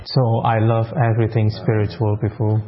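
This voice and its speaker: A man working as a live interpreter voice, rendering a pastor's words into English in the first person in short, halting phrases with restarts. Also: lowish voice, monotone, a crowd in the background. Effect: live interpreter voice, translating a pastor into English in the first person. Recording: muffled radio broadcast with faint music bed.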